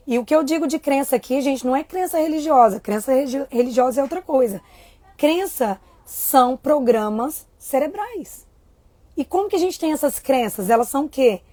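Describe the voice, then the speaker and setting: A woman giving a motivational talk to a live audience, lively and full of questions to the crowd. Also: high voice, no room sound. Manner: acts out a child's inner voice. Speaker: speaker.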